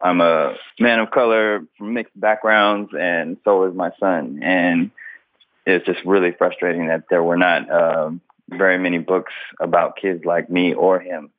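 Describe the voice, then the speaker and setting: A man, a children's book author and illustrator, talking in a relaxed, conversational way during a phone interview over a tinny line. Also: low voice, unhurried, no echo. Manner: relaxed, conversational, fills with "you know".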